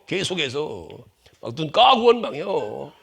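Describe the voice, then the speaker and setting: Animated Korean pastor with a gravelly voice. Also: male voice, fairly high pitch, unhurried. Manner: animated preaching, acting out quarrels with shouted bursts and dropping to whispers. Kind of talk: sermon. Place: church sanctuary.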